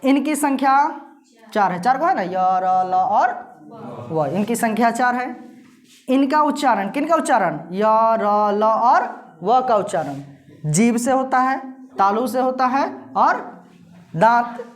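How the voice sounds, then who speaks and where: A woman's voice: fairly high pitch, animated, a little slow. A woman teaching a grammar lesson, asking questions and answering them herself.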